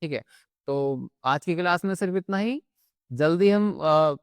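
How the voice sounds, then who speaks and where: A man teaching phonics in a patient classroom manner, pausing often to check in before he moves on. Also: fairly high pitch, smooth, no echo, clean studio sound. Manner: patient, repeats "theek hai" between points. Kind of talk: classroom-style phonics lesson.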